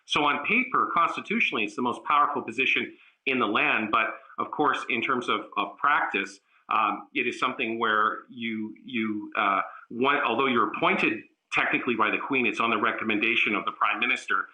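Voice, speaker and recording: A man giving a political analysis in a remote news interview, measured and halting, with frequent fillers and restarts. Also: mid-range voice, bright, forceful tone, rough recording.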